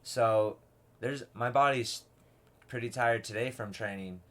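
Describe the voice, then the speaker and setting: A man's voice: medium pitch, measured pace. A man in casual podcast conversation, rambling and peppering his talk with "like" and restarts.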